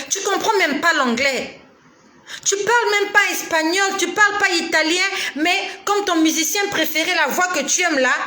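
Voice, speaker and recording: Woman preacher, high bright voice, emphatic rebuking sermon, echoey room. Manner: emphatic, admonishing, rhetorical questions. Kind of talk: prophetic sermon.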